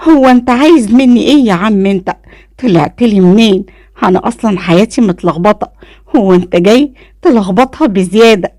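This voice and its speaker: A woman with an Egyptian accent voicing a stubborn, quick-tempered young woman in a spoken story. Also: creaky, darkish tone, no echo, clean studio sound, lightly acted. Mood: exasperated. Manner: exclaiming, high-pitched outbursts.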